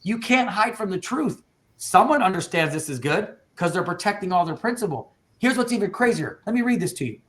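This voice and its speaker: Fired up and casual, the owner of an insurance agency trains his agents over a video call, dropping "dude" and "bro" as he goes. He speaks fairly quickly, and his voice sits high.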